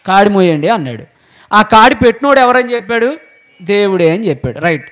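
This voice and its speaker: High-voiced male preacher with a sore throat. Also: big pitch swings, fast, a bit bright. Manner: asks the congregation rhetorical questions and answers them. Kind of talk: sermon.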